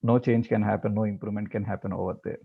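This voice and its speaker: A man teaching a meditation class, talking in a halting way with many repeated words and fillers before leading the practice. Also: fairly low pitch, fairly even intonation, vocal fry, breathy edge, phone-quality sound. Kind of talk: talk before guided meditation.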